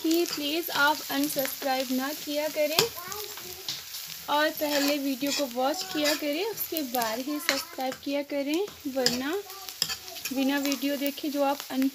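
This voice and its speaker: A woman from Himachal Pradesh talks her viewers through a recipe in a high, slow, friendly voice. She is recorded on a phone at her stove. Oil sizzles and a spoon scrapes the pan over clear background noise. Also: fairly even intonation. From Himachal Pradesh, India. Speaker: cooking vlogger. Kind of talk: casual cooking narration. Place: home kitchen at a stove. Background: sizzling and stirring in a pan.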